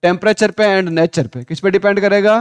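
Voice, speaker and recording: A male physics teacher running a Hindi class lecture, quizzing students with repeated questions, calling them 'beta', and reading textbook lines slowly. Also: high-pitched, fairly even intonation, smooth, dry recording. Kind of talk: classroom lecture with call-and-response drills.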